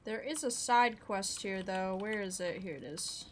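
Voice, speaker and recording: A woman's voice: mid-range voice, measured pace, slight background noise. A young woman giving casual, chatty commentary while playing a video game. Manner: chatty, amused asides. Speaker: gaming streamer.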